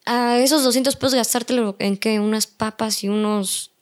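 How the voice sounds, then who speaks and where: A woman's voice: fairly high pitch, fairly even intonation, normal speed. A woman with a Mexican accent, chatting as a guest on a podcast and acting out the people she quotes. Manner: chatty, acts out quoted voices. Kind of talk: casual podcast chat.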